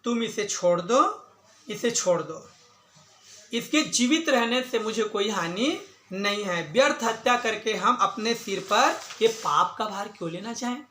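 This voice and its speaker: A man telling a religious story, voicing a pious, merciful old woman who pleads softly. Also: sits high, lively intonation, unhurried, slight background noise, full character voice. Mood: pleading. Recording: echoey room.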